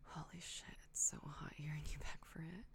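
A young woman whispering softly in an intimate ASMR roleplay, slow and soothing, doting on the listener with hums and soft giggles. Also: sits low, flat delivery, vocal fry. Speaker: audio roleplay performer.

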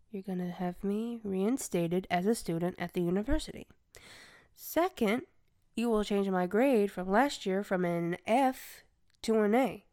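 A slow, deliberate taunting voice with a gravelly fry, close and dry on the mic, as a woman plays a vengeful former student. She sighs often and sinks into hushed whispers. The manner is domineering and relentless. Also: medium pitch, no room sound. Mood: whispered taunting.

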